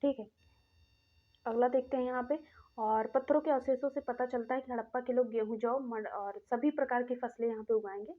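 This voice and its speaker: A woman with a fairly high voice works through practice questions like a classroom teacher. She explains each answer step by step and talks straight to her students. The recording sounds thin and tinny, like a phone line. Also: fairly even intonation, moderate pace. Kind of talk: exam-prep lesson.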